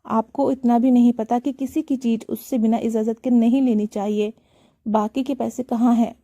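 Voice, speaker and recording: A woman voicing a harsh young daughter-in-law who shouts contemptuously at her in-laws. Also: fairly high pitch, steady tone, moderate pace, dry recording, highs cut off, lightly acted. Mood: scolding.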